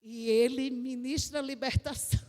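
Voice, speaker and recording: A woman's voice: high-pitched, unhurried. A woman with a Northeastern Brazilian accent preaching a testimony sermon, telling her story vividly and acting out the voices she quotes. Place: church hall. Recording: long church reverb.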